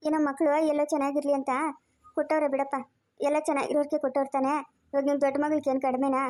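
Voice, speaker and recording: A woman's voice: sits high, little pitch movement, rapid-fire, close to an everyday voice. Woman voicing a consoling village aunt. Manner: consoling, scolding gently. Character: soothing older village woman, the child's aunt. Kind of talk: cartoon voice acting.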